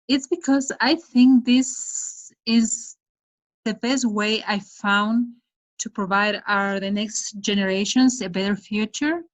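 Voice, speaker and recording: Guest, middle-aged woman from Ecuador, speaks over a webcam at home, mid-pitched, hesitant but steady. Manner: steady explanation with hesitant fillers and restarts, listing items. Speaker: guest, development project manager. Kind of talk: video call interview. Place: indoor room at home. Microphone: laptop webcam on video call.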